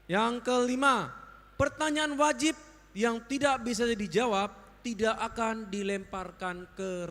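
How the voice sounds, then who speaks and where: Bright-voiced woman reading rules in a hall. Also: on the high side. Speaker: competition judge reading the rules. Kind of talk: formal rule reading to contestants. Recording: reverberant hall.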